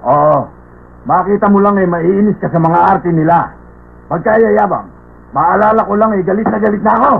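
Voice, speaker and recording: A man's voice: high-pitched, normal speed, exaggerated voice. A man dubbing a grumpy middle-aged male grocer who scorns nobles, talking in a blustering, scornful way in a cartoon. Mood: indignant. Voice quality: blustering, scornful, clears throat. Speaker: shopkeeper. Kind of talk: Tagalog cartoon dub. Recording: tinny lo-fi dub with faint music.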